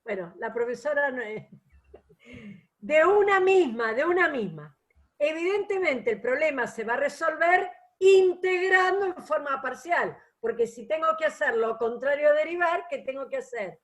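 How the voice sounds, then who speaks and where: A woman's voice: high voice, expressive, normal speed. A woman teaching a math class online, patient and explanatory, often checking that students follow.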